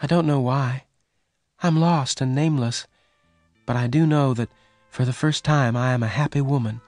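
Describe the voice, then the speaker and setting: A man voicing a gentle, anxious, devoted young woman of the frontier in an audiobook story, with soft, earnest emotion. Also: mid-range voice, moderate pace, no echo, soft background music, pitched above the performer's own voice, close to an everyday voice. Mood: tender, earnest.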